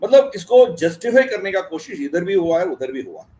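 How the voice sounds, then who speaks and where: A man's voice: sits high, very animated, a little fast, mellow. A man speaking as an interview guest, explaining at length with frequent hesitations and filler sounds. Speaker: guest commentator. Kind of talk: interview answer.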